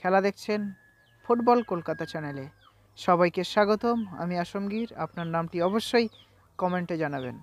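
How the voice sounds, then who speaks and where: A man giving live play-by-play football commentary in an announcer-like, repetitive delivery. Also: sits high. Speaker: football commentator and channel host.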